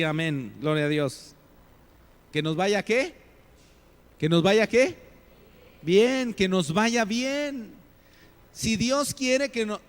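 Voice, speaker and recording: A Mexican man preaching a sermon in a conversational way, asking his listeners many rhetorical questions and acting out other people's voices. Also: a little high.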